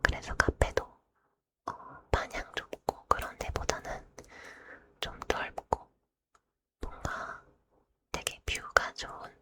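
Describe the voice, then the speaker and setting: A woman ASMR host chatting casually to listeners in a soft, polite, breathy whisper. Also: slow pace, long pauses.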